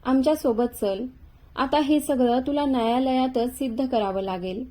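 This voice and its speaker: A woman's voice: high-pitched, moderate pace, mellow, close to an everyday voice, low-quality recording. A woman voicing a stern, mocking male police inspector in a spoken story, cold and accusing.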